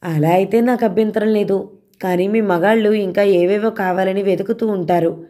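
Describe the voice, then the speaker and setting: A woman's voice: mid-range voice, steady tone, normal speed, warm tone, natural voice. A woman voicing a blunt young female office worker who asks teasing, probing questions.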